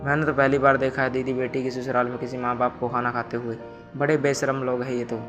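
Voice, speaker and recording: A man voicing a sharp-tongued older mother-in-law in a storybook tale, read flat and even. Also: medium pitch, fast talker, lightly acted. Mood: scornful. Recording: music bed underneath. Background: music.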